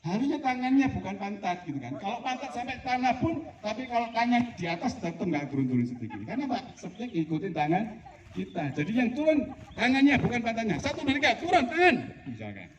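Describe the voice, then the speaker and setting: A middle-aged man with a Javanese accent leading a team-building debrief, lively and joking, acting out shouted instructions. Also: high voice, fast. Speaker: outbound training facilitator. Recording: dull, long-reverb hall.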